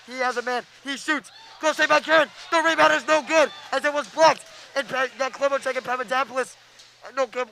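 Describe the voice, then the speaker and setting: A young man calling live hockey play-by-play, excitable and quick, stumbling over names as he goes. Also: extremely high pitch, creaky, a little hiss or hum, low-quality recording. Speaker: play-by-play announcer.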